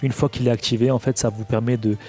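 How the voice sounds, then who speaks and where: Hesitant man with a flat voice. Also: mid-range voice, fast. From Morocco. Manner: hesitant, many fillers and restarts. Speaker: vlogger giving travel advice. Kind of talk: casual advice to camera.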